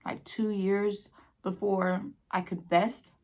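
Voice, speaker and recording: An American woman telling a casual, rambling personal story with halting pauses, talking between bites with her mouth sometimes full. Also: mid-range voice, flat delivery, a little mellow. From New Mexico, United States. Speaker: vlogger telling a personal story while eating.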